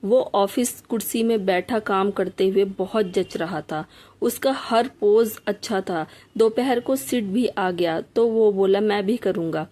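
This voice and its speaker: A woman's voice: medium pitch, takes it slowly, dark tone. Woman narrating a heartfelt story.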